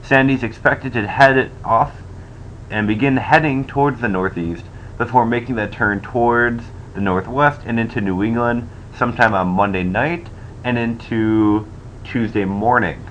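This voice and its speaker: A man's voice: mid-range voice, normal speed, fairly bright tone. A man giving an explanatory weather update as a forecaster, recorded on a cheap stand-in microphone. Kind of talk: explanatory weather update commentary over maps. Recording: dull, noisy cheap microphone audio.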